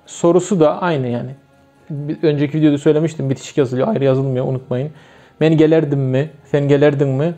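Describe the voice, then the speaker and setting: A man's voice: a little high, steady tone, a little fast, warm tone, faint music behind. Man with a Turkmen accent, teaching. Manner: hesitant, with many fillers and self-corrections. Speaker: language teacher. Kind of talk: casual video lesson.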